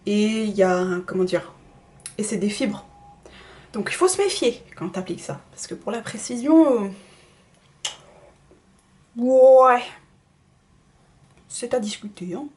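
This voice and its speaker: A chatty woman walks through her makeup routine, talking straight to her viewers. She is self-deprecating and keeps sliding into quiet, half-whispered asides. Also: on the high side, slow, long pauses. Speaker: beauty vlogger. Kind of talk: casual makeup tutorial chat.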